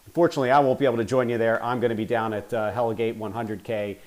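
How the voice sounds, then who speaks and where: A man's voice: medium pitch, fairly even intonation, fast. A man hosting an amateur podcast, talking in an easygoing way with fillers. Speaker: podcast host. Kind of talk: casual podcast interview.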